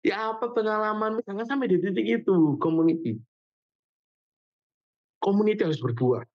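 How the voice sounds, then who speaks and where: A young man, leading a casual Bible study for a youth group, chatty and animated, with slangy asides as he tells stories. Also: sits high, normal speed. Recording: dull lo-fi recording.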